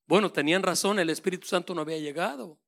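A man preaching a sermon with passion, swinging between loud proclaiming and hushed, intimate asides. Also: high-pitched, fast, gravelly.

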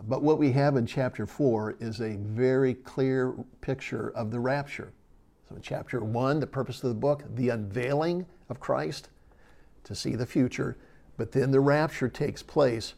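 A man gives a sermon-style Bible lesson in a mellow, dark-toned voice. He explains things earnestly, with casual fillers, and slows down to lean on key phrases. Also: medium pitch, vocal fry. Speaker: Bible teacher.

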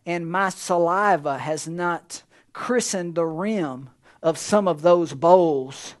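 Man preaching a conversational sermon. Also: on the high side. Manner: conversational preaching with quick bursts and drawn-out emphasis. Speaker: pastor.

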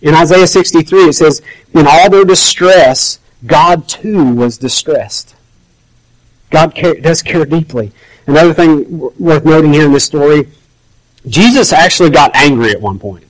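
Pastor guy preaching, talks like he's chatting, does little voices, voice a bit on the high side. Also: unhurried, rough recording. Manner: conversational, acts out quoted voices. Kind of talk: sermon.

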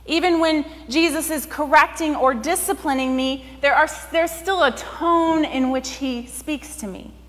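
Woman pastor giving a sermon, chatty, lots of "like", high voice, long echo like a church hall. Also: measured pace, hardly any pauses, a bit bright. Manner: conversational, uses "like" often.

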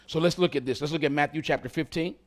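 A man preaching a sermon, talking directly to the congregation and swinging between loud calls and hushed whispers. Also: a little high, quick pace.

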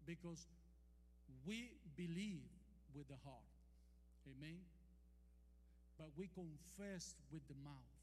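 Preaching a sermon with calls for amens, a man from Costa Rica speaks in a slightly high, animated voice with a darkish tone and a Costa Rican Spanish accent. His scripture quotes come out drawn-out and emphatic amid call-and-response exchanges. The church hall lends long reverb, and a faint hum is audible.

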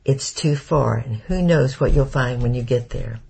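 Guy doing a stubborn worried young woman in an audiobook, raspy, keeps pushing back. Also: medium pitch, normal speed, darkish tone. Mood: protesting. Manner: protesting, insistent.

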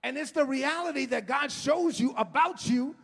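A middle-aged man preaching an impassioned sermon as a pastor, often shouting and stretching his words, recorded in a church sanctuary. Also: very high-pitched, moderate pace, vocal fry. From United States. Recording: long hall reverb.

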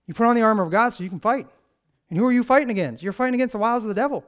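A man's voice: very high voice, expressive, very fast, a bit bright. A man preaching a casual sermon, telling a Bible story with sarcastic, conversational asides and acted quotes. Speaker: pastor.

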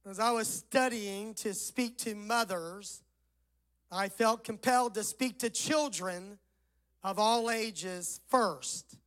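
A man with a Southern US accent preaching a sermon as a pastor, his voice rough, hoarse and hollow as if inside a barrel, phrasing deliberately. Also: high-pitched, a bit bright, rough recording. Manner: deliberate phrasing with scripture recitation.

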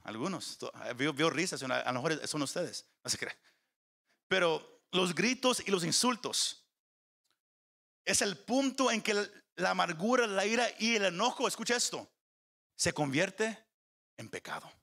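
Gravelly, lively-pitched preaching man. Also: a little slow. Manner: preaching with rising emphasis and repeated restarts; addresses the congregation with questions. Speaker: pastor. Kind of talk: sermon.

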